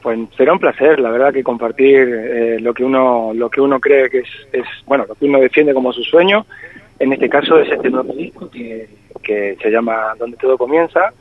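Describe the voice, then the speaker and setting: A Spanish-born singer-songwriter in his forties, with a slight Argentine-tinged Spanish accent, speaks reflectively in a phone interview, hesitating often. His voice is medium-pitched at normal speed, and the tinny telephone line sounds dry with no echo.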